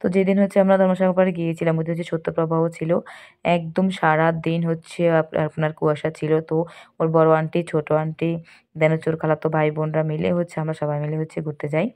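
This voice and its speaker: A young woman, hoarse from a cold, narrating a family vlog in a casual, rambling way with a constant filler word. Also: low voice, level tone, fast, darkish tone. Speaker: mother and family vlogger.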